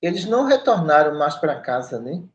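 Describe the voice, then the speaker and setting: A woman's voice: low-pitched, big pitch swings, moderate pace, a little hiss or hum. A woman, a spiritual counselor giving an emphatic, scolding talk on a spiritist study podcast, full of tag questions. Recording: roomy, dull lo-fi sound.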